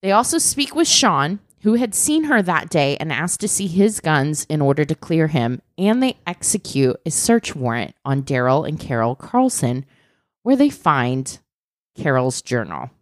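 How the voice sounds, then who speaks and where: A woman's voice: low voice, measured pace, no room sound, clean studio sound. A woman co-hosting a casual podcast, telling a true crime story with lots of "like" and the odd swear word. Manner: animated, swearing, fillers like "like".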